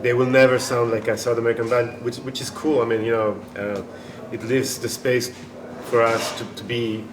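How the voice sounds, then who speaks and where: A man's voice: mid-range voice, little pitch movement, moderate pace, few pauses. A man from Chile, a band member being interviewed, talking casually and rambling with many restarts and fillers. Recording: echoey room with noisy ambience.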